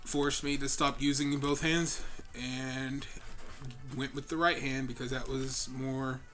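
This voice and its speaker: A man's voice: medium pitch, little pitch movement, slow, bright, forceful tone, faint music behind. A man co-hosting a casual video game session, chatting and laughing often as he plays. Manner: giggly, laughs often while joking. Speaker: co-host playing a video game. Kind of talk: casual gaming chat.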